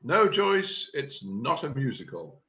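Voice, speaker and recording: A man's voice: medium pitch, very animated, takes it slowly, sharp tone, highs cut off, exaggerated voice. A man playing a pompous scheming drama chairman. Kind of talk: amateur play reading. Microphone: video call.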